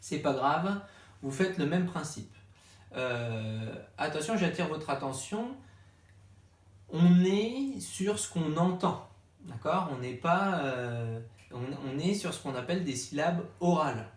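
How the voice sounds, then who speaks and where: A man's voice: on the high side, expressive, slow. Patient male teacher in an echoey room. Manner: patient, step-by-step, acts out asking the child. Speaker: primary school teacher. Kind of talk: explaining a home lesson to parents.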